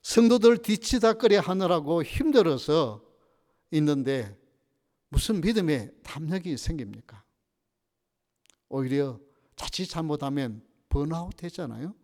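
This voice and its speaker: A male pastor delivering a Sunday sermon with lively storytelling and frequent rhetorical questions. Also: a little high, measured pace. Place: church sanctuary. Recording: reverberant church sanctuary.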